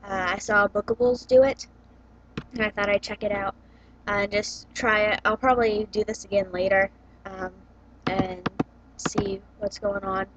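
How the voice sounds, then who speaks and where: A woman's voice: medium pitch, fairly even intonation, normal speed, a bit bright, a little hiss or hum. A young woman chatting casually about books, full of ums and likes, recorded through a laptop's built-in mic at home. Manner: hesitant, many ums and likes. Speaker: book vlogger. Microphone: built-in computer webcam mic. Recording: dull lo-fi laptop webcam audio.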